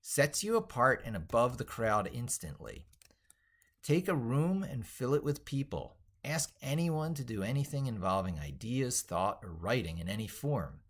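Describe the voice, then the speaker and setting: At a moderate pace and medium pitch, with big pitch swings, a man hosts a casual tech livestream. The educator thinks aloud and rambles while working through things on his computer screen and reading text out.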